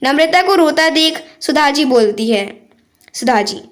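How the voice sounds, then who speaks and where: A woman narrating a family moral story in a steady, plain way. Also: high-pitched, normal speed.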